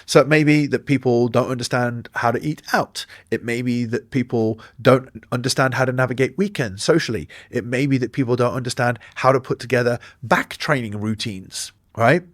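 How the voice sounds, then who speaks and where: An energetic man coaching online fitness coaches in a direct instructional talk. His voice sits mid-range and he acts out sample messages in brisk asides. The sound is dry and close, with no room around it. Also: medium pitch, no room sound.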